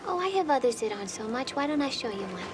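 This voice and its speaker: An actress playing a kind, helpful woman working as a shop clerk, speaking gently and naturally in a screen drama. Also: high-pitched, sing-song, fast talker, music in the background. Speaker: shop assistant.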